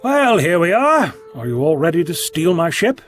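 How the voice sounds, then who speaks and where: Guy playing quirky flippant time traveler doctor, sorta high voice, very animated, theatrical sarcasm, audio drama. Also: moderate pace, faint music behind. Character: eccentric, flippant male time-travelling doctor, breezy and sardonic.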